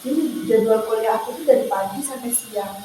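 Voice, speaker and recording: A woman's voice: a little high, brisk, mellow. A young woman, a university student, answering interview questions casually with some hesitation. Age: young adult. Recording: echoey room, far from mic, faint noise.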